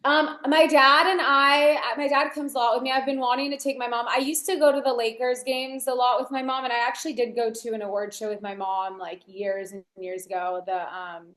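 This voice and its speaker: A young woman, a DJ and entrepreneur from the United States with Brazilian family and Portuguese as her first language, is an upbeat podcast guest in a casual interview, using lots of "like." Her voice is a little high and a bit bright, with fairly even intonation and a brisk pace with hardly any pauses. The recording sounds roomy.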